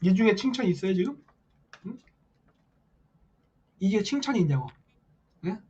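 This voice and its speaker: Guy doing a late night political stream, kinda husky voice, keeps going "eh?" at viewers, muffled audio. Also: high voice, sing-song, normal speed, a little mellow. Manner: hectoring rhetorical questions with repeated "eh?" tags; reads viewer comments aloud. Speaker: live-stream host.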